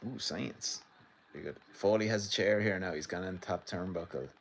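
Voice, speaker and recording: This is a midlands Irishman hosting a casual, wandering livestream at home in his sitting room, giving match commentary and talking with viewers. He speaks at a moderate pace in a low-pitched voice, with a touch of hiss or hum.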